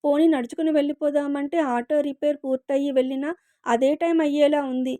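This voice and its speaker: A woman's voice: high voice, steady tone, fairly quick, dark tone, no echo, lightly acted. A woman voicing a young woman's worried inner thoughts in a read-aloud story. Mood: troubled. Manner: wondering, troubled inner questions. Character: young woman worrying to herself.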